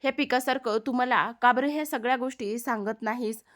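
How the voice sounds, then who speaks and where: A woman voicing a spirited, questioning young girl who talks back in a high, insistent voice. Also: a little fast, fairly bright tone, natural voice. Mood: pleading.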